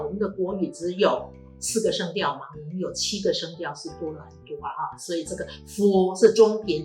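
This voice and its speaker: A woman's voice: on the low side, fairly bright tone, roomy sound. A woman language teacher explaining tone marks, patiently modelling syllables and stretching them out for the class. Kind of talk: classroom tone lesson.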